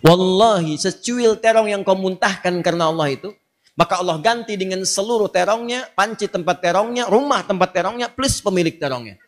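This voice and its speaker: A sincere, affectionate young wife, as a male preacher puts her on. The voice stays fairly high for a man and keeps a soft, earnest delivery. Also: very animated, normal speed, big-room sound. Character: tender young widow, newly married wife.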